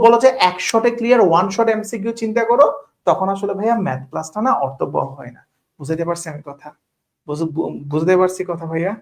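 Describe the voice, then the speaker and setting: A man tutoring math, talking casually, often checking if students understand and mixing in English words. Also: sits high. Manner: mixes English words into speech. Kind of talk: online class teaching.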